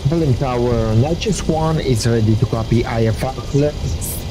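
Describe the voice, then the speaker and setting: A man playing flight simulator pilot, giving deliberate radio calls and commentary. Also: mid-range voice, music in the background, rough recording. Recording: clear aircraft cockpit noise. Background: aircraft cockpit hum.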